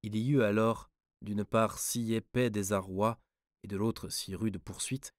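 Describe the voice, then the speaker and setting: A man reading prose poems aloud as an audiobook narrator, measured and expressive. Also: lowish voice, no echo, studio quality. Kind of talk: scripted literary narration.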